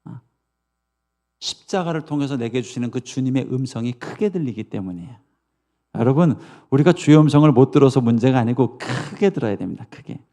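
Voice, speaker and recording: A man's voice: medium pitch, lively intonation, fairly quick, dark tone. A male pastor preaching a Sunday sermon emphatically, with repetition and rhetorical questions.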